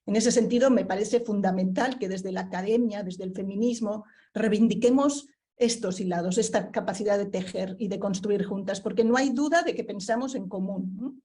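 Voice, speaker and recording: A thoughtful woman from Barcelona, Spain, presents a book as a panelist in a mellow, mid-range voice at a moderate pace. She searches for words, using frequent fillers and tag questions.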